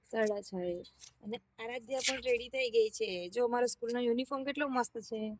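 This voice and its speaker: A woman's voice: fairly high pitch, moderate pace, noisy background. Chatty mother vlogging at home. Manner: chatty, coaxing children with questions. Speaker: vlog host and mother. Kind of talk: casual family vlog chat.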